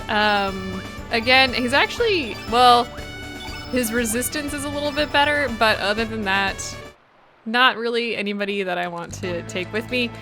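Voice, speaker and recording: A woman casually commenting on gameplay as a let's play host, chatty and full of joking asides. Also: on the high side. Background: game music.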